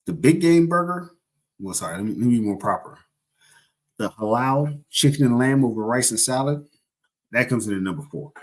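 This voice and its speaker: A man's voice: medium pitch, expressive, moderate pace. A young man casually chatting on a livestream, rambling and joking as he corrects himself mid-sentence. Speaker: livestream host.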